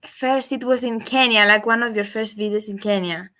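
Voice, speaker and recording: Chatting casually as a caller, a young Cypriot woman whose first language is Greek speaks English with fillers and hesitant restarts. Her voice is medium-pitched and steady at a normal speed, with a pushed, bright quality.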